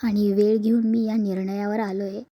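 A woman voicing a serious young man announcing a decision in measured words. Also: medium pitch, little pitch movement, mellow, no room sound, natural voice. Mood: solemn. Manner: measured, solemn.

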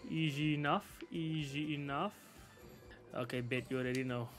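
A man's voice: fairly high pitch, steady tone, moderate pace, a bit bright, soft background music. A man casually commenting on a video game's menus, with slangy, laid-back talk and asides to chat. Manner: slangy, laid-back, thinks aloud with frequent laughs. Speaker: gaming YouTuber. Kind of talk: casual game walkthrough commentary.

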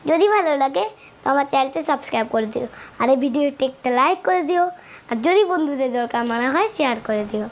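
A woman teaching spoken English, acting out short everyday dialogues and repeating each phrase slowly for learners. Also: high-pitched, animated. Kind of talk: slow bilingual lesson with example dialogues.

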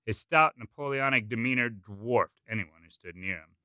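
A man narrating a written story in a measured, expressive reading style. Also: medium pitch, smooth, no room sound. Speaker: story performer. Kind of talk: scripted narration.

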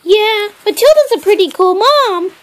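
Someone putting on a high, swooping excitable bird kid. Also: normal speed. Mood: cheeky. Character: excitable young bird kids from a mobile game. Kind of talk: improvised puppet-show character answers.

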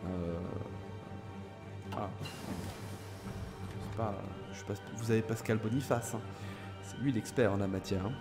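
A young adult man from France hosting a live gameplay stream, chatting hesitantly with viewers and answering them by name, with many filler pauses and restarts. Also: on the low side. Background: background music.

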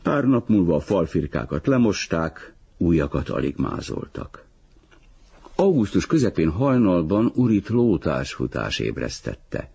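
A man reading a novel aloud as an audiobook narrator in a measured, even manner. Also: sits low, vocal fry, husky, dull audio. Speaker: audiobook reader.

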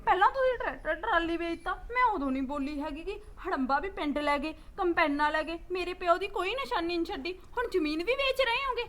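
Woman doing a young punjabi daughter, high bright voice, accusing and teary. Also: lively intonation, fast talker, hardly any pauses. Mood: tearful. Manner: pleading, accusing, tearful. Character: defiant young village woman, unmarried daughter. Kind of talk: village drama acting.

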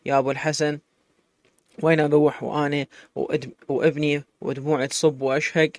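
A man's voice: on the high side, flat delivery, brisk, no room sound, clean studio sound, lightly acted. A man with an Iraqi accent voicing a tearful, abandoned young pregnant wife who pleads and sobs. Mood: pleading. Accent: Iraqi Arabic. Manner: pleading, sobbing speech.

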